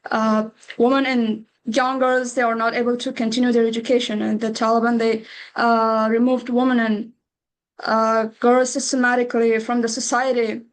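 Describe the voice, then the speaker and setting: A young woman from Afghanistan talks over a video call. She speaks slowly and haltingly, with frequent pauses. Her voice sits fairly high and stays flat. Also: poor audio. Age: young adult. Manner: slow and halting, many uh pauses. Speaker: webinar participant. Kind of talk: personal testimony on a video call.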